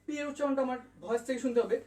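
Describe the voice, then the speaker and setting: A man's voice: very high-pitched, very fast, a little mellow. A man teaching an online language lesson, patiently repeating and spelling out each letter sound. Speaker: English tutor. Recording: echoey room, mic at a distance.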